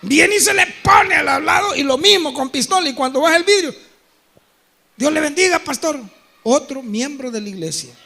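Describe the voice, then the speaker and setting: A man preaching a sermon with a Salvadoran Spanish accent, telling stories animatedly, acting out dialogue and breaking into shouts, often checking in with his congregation. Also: very high voice, brisk, vocal fry, few pauses. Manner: animated storytelling with frequent asides to the congregation; acts out quoted dialogue and bursts into shouting. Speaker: pastor.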